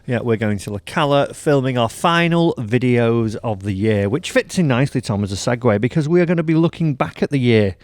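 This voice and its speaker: A man's voice: medium pitch, expressive, brisk, few pauses, dry recording. A man hosting a golf podcast in a playful, chatty way, with frequent ums. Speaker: podcast host. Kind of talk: casual chat.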